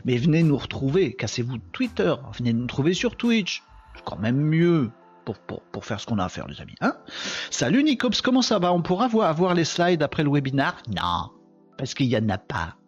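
A man hosting a casual live stream, talking in a chatty, animated way and addressing viewers as friends, a little tired. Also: fairly high pitch, moderate pace, husky, highs cut off, soft background music. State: tired from insomnia.

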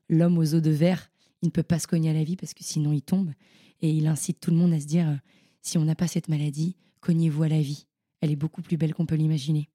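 A young woman, a podcast guest, telling her stories in a casual, animated and slangy way. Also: low voice. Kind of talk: casual storytelling interview.

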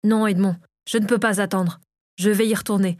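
A woman's voice: mid-range voice, steady tone, normal speed, a little mellow, dry recording, studio quality, natural voice. A woman reading the lines of an anxious male lord set on protecting his land, in an urgent, determined way.

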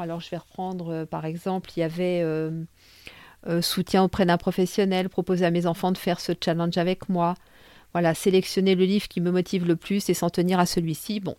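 A woman's voice: mid-range voice, a little mellow, no room sound, clean studio sound. A woman hosting a podcast, explaining a method in a casual, conversational way with frequent fillers and self-corrections. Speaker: podcast host.

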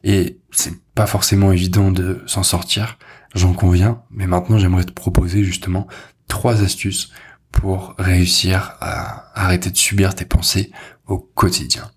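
A man's voice: low voice, flat delivery, normal speed, breathy edge. A man hosting his own podcast, talking informally and directly to the listener, with fillers like "euh" and "bah". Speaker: podcast host. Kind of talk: solo podcast talk.

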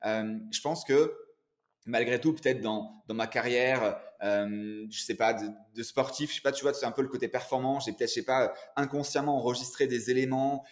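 Energetic man in his forties. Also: medium pitch, moderate pace. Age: 40s. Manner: energetic, animated storyteller. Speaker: guest entrepreneur and coach. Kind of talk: casual interview chat.

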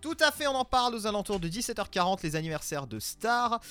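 A man's voice: sits high, very animated, fast, a bit bright, clear, resonant tone, no echo, soft background music. A male radio host in a studio, bantering and teasing his co-host on air. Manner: teasing, joking. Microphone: studio microphone.

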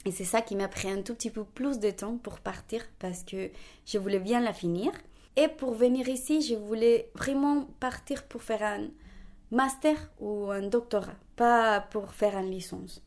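A young woman in her twenties from Colombia, speaking French with a Colombian Spanish accent, telling her story in an animated way with frequent restarts and laughter. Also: medium pitch, moderate pace. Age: 20s. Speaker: interviewee. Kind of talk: conversational testimony.

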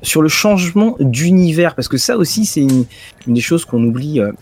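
A man's voice: a little high, expressive, normal speed, darkish tone, husky. A man hosting a casual chat, repeating words as he frames his questions. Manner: stumbling, repeats words while asking. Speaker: podcast host.

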